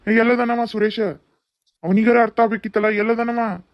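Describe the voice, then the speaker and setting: A performer voicing a worried older uncle in a cartoon, with a North Karnataka Kannada accent and a calming, reproachful manner. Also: mid-range voice, normal speed, no echo, natural voice. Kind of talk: cartoon dubbing. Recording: dull lo-fi sound.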